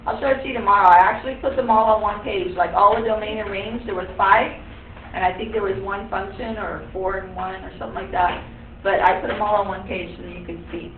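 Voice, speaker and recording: A woman's voice: medium pitch, steady tone, fast talker, slight background noise. A woman teaching a class, explaining step by step and quizzing the students. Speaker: high school algebra teacher. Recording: echoey room, tinny phone-like sound.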